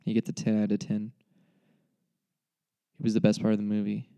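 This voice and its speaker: A man's voice: on the low side, monotone, fairly quick, creaky, dark tone, clean tone. A young man giving a casual spoken movie review, rambling and cutting himself off, with mock-dramatic despair.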